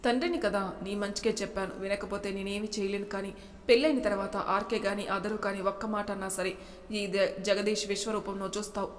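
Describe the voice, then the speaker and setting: A woman's voice: mid-range voice, fairly even intonation, fast, big-room sound, close to an everyday voice. A woman doing a stern old father. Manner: scolding, warning. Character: stern older father, man.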